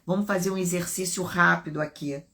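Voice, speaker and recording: A woman's voice: lowish voice, steady tone, a little fast, sharp tone. A middle-aged woman with a Brazilian Portuguese accent, hosting a live talk and explaining as she goes, often repeating phrases and checking in with "né?". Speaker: live stream host and self-development speaker. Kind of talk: unscripted live talk on relationships.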